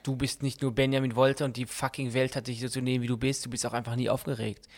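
A man's voice: medium pitch, little pitch movement, fast talker. Teasing male podcast co-host. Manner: teasing, provocative. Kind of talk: casual comedy podcast banter.

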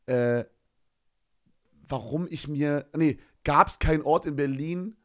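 A young man in casual podcast chat, telling an animated, slangy story and acting out the scene. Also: a little high, takes it slowly.

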